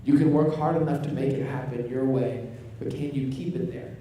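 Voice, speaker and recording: A man's voice: mid-range voice, fairly even intonation, normal speed, warm tone, slight background noise. A young man, preaching a casual sermon from a church stage and telling self-deprecating jokes. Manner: joking, self-deprecating storytelling. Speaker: pastor. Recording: echoey hall, voice from far off.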